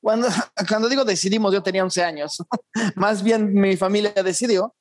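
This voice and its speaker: A man, a guest in an interview, speaking in a reflective, measured way with some restarts. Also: high-pitched, no room sound, clean studio sound. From born in Argentina, raised in Mexico. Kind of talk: conversational interview.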